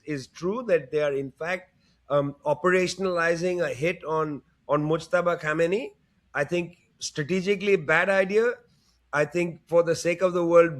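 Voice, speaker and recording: A man speaking as a guest analyst in a political discussion, conversational and often saying "you know" as he restarts phrases. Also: fairly high pitch.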